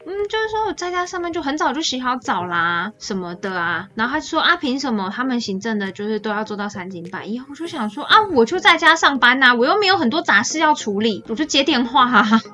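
A woman's voice: on the high side, fast talker, few pauses, highs cut off. A woman, co-hosting a podcast and telling a rambling story in casual chat. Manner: animated, rambling, acts out quoted dialogue.

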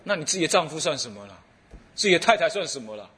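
Middle-aged taiwanese monk telling stories in a sermon, high voice swinging all over, laughs a lot. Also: male voice, racing. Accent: Taiwanese Mandarin. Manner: animated storyteller who laughs and acts out dialogue. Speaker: Buddhist abbot. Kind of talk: dharma talk with storytelling.

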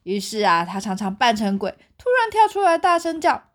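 At bedtime, a young woman with a Taiwanese Mandarin accent reads a picture book aloud to her child, telling the story in an animated way. Her voice is fairly high and her pace normal.

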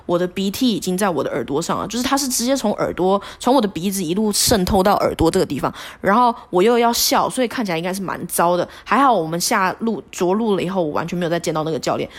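Fast-talking woman telling a story. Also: lowish voice. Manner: animated, self-deprecating, many fillers. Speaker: podcast host. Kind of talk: casual personal storytelling.

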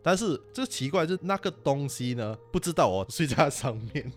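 一位新加坡口音的年轻男子，用夹杂英文的华语随意地讲鬼故事。. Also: male voice, mid-range voice, fairly quick, faint music behind. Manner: animated, mixes English words into Mandarin. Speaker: podcast guest storyteller. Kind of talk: casual ghost-story chat.

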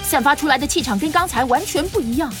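Woman as an earnest young boy trainer, thoughtful, high lively voice, music behind. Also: fast talker. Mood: determined. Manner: earnest, reasoning aloud. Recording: music behind, cartoon dub.

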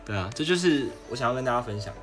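A man's voice: medium pitch, lively intonation, racing. A young man with a Taiwanese Mandarin accent, chatting casually as a stream host and telling stories, sometimes mimicking others in a raised voice. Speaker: livestream host. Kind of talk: casual chat. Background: background music.

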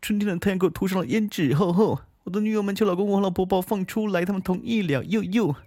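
A woman voicing a timid young snow maiden girl who sobs, stammers and pleads in a high, quick voice. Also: mellow, dry recording, close to an everyday voice. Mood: sobbing. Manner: wailing, stammering, fast high sobbing speech.

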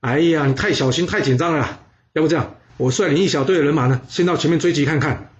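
A man's voice: a little high, fast, highs cut off, natural voice. A rash young prince with a raised, impatient voice, put on by a man narrating. He sounds dismissive and eager to charge ahead.

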